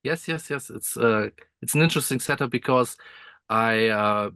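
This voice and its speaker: A man's voice: medium pitch, normal speed, bright, forceful tone, smooth, no room sound. A man from Croatia, talking as the guest composer on a video call from inside his motorhome, friendly, with frequent laughs and restarts. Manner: friendly, laughs often, many restarts and fillers. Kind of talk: casual interview chat.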